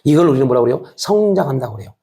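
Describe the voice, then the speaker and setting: A man's voice: mid-range voice, big pitch swings, racing, mellow. A man preaching a sermon as pastor. He is emphatic, asks many rhetorical questions, and mixes frank, colloquial asides with exhortation.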